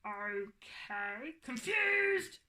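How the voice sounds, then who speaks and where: Woman voicing a puppet boy, squeaky, greedy, bouncy pitch. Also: big pitch swings, bright, forceful tone, roomy sound, full character voice. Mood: puzzled. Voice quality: squeaky, high cartoonish voice. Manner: silly, greedy, quick to sulk. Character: cheeky hungry puppet creature boy, playful.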